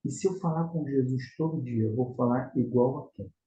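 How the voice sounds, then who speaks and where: A man's voice: mid-range voice, moderate pace, warm tone. A man with a Carioca accent teaching a religious class on prayer, earnest and exhorting as he addresses his listeners as brothers. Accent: Carioca (Rio de Janeiro). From Rio de Janeiro, Brazil. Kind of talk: religious lesson. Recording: echoey room, slightly dull sound.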